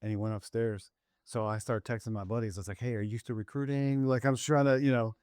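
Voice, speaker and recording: A middle-aged man, a father co-hosting a podcast, telling a family story in a loose, animated way and acting out both sides of the conversation. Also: on the low side, fast talker, clean tone, no room sound, studio quality. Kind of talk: casual storytelling chat.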